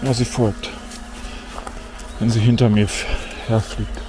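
A middle-aged man, a drone vlogger, speaks a little slowly in a lowish voice with little pitch movement. Testing a drone in a forest, he gives himself casual running commentary, grumbling with mild disappointment. Insect buzzing and faint outdoor ambience are audible.

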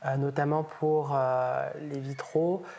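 In a small wood-paneled chapel, a young art historian enthusiastically describes stained glass in conversational expert commentary full of fillers. His medium-pitched voice is slow, creaky and dark, with little pitch movement.

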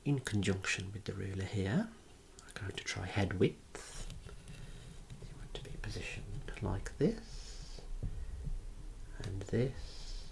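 Whispering softly in a low-pitched, gravelly voice, a man acts out a clinical ASMR scene, demonstrating eye and head measurements with slow, careful directions and gentle praise. The audio quality is poor.

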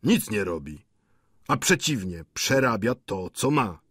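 A husky-voiced man playing a sly, mocking middle-aged lodger in an audiobook, telling gossip with swagger. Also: fairly low pitch, big pitch swings, a little slow, a bit bright, no echo, studio quality, heavily acted.

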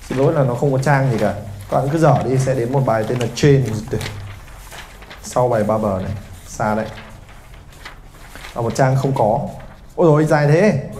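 A man in his thirties from Vietnam teaching an English pronunciation class, lively and teasing his students. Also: mid-range voice, normal speed, pauses often, slight background noise. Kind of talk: classroom lesson.

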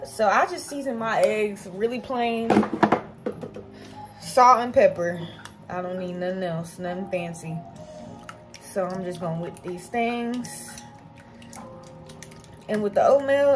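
A woman's voice: mid-range voice, unhurried, long pauses, music in the background. A young woman chatting casually to her camera as a vlogger, playful and self-mocking. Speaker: vlogger and TV anchor. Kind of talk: casual vlog chat. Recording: noticeable background noise.

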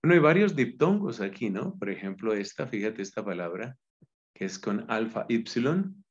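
A man with a Colombian Spanish accent, a Dominican friar, teaching biblical Greek patiently and chanting verse lines slowly. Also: fairly low pitch, animated. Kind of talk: gentle Bible lesson with sung Greek verse. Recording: slightly dull, lo-fi recording.

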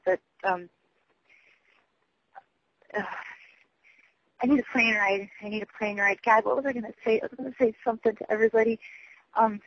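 A man leaving a rambling voicemail message over the phone, halting, often losing his thread and swearing. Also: high-pitched. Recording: dull lo-fi telephone voicemail recording.

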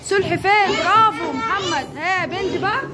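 High-voiced Egyptian woman teaching children. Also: normal speed, over a noisy crowd. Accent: Egyptian Arabic. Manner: encouraging, praising and prompting children by name. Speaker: kindergarten teacher. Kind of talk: classroom lesson with young children. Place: busy classroom. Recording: classroom with background noise.

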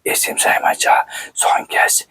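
A man whispering ASMR in a hushed, soothing way, quiet at night, repeating short phrases like a soft chant. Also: measured pace. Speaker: host of an ASMR channel.

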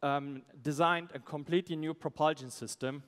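A man, a startup founder giving a halting, pitch on a conference stage. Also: fairly even intonation, fairly bright tone. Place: stage in a large event hall. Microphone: headset. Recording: amplified voice in large reverberant hall.

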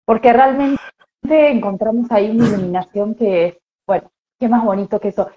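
Female interviewer, bright high voice, eager chatty reactions. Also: moderate pace. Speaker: host. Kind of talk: interview chat. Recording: dull lo-fi audio.

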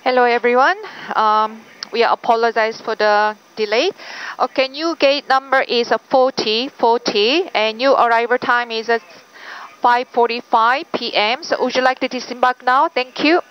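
A woman speaks as a flight attendant, addressing passengers with formal courtesy. Her voice is high and very smooth, coming through a slightly muffled cabin PA. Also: steady tone, normal speed. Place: aircraft cabin, over the PA.

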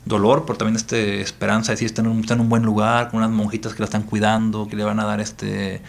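Mexican priest guest, earnest and reflective, gravelly voice, repeats for emphasis. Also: male voice, on the low side, completely flat delivery, fast. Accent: Mexican Spanish. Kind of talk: reflective interview talk.

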